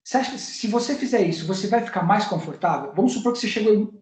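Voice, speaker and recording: Brazilian guy lecturing on negotiating, fairly high voice, echoey room, acts out example lines. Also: lively intonation, racing, a little mellow. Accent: Brazilian Portuguese. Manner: didactic, acts out sample phrases. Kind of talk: university talk on negotiation. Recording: roomy echo.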